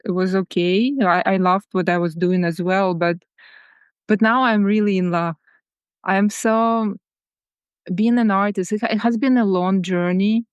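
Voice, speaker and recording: Ukrainian lady on a podcast, smooth clear voice, dry close sound, thoughtful and laughs a lot. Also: medium pitch, steady tone, a little slow, no room sound, highs cut off. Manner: reflective, repeats words, frequent soft laughs. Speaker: guest artist. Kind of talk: podcast interview.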